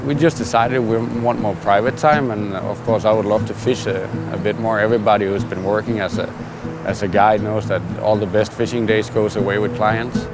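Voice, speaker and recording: Speaking fairly quickly in a voice on the low side, a middle-aged fishing guide from Denmark gives a relaxed, candid documentary interview. He says "uh" a lot and often restarts his sentences, with music behind him.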